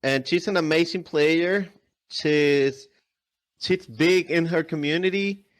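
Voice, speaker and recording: A man with a somewhat high voice talks casually as an interview guest. His English is non-native, and he often doubles back, repeating words and short phrases as he explains. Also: slow. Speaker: podcast guest, airsoft video creator.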